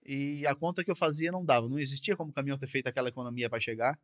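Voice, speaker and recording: A man's voice: mid-range voice, very fast, no room sound, studio quality. Man telling a trucking story plainly. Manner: repetitive, conversational, frequent tag questions. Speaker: truck driver guest. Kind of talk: casual storytelling. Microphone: podcast studio mic.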